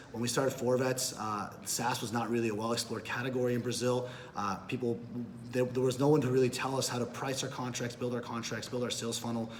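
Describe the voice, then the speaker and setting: Applying to a camp, this man in his thirties, an entrepreneur from Peru, introduces himself from a prepared script in a businesslike manner, now and then using fillers or correcting himself. He has a medium-pitched voice, and the recording carries a little hiss or hum.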